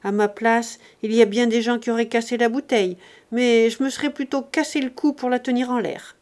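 A woman reading aloud plays a sturdy old servant woman in an audiobook. She speaks blunt and hearty, and loud. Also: on the high side, steady tone, brisk, natural voice. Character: sturdy old female servant, plain-spoken. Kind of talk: audiobook character voice.

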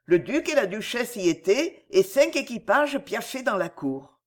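A woman's voice: on the high side, big pitch swings, unhurried. A woman reading a storybook and voicing an anxious young man, earnest and worried. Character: anxious young man, a fashionable ruined suitor.

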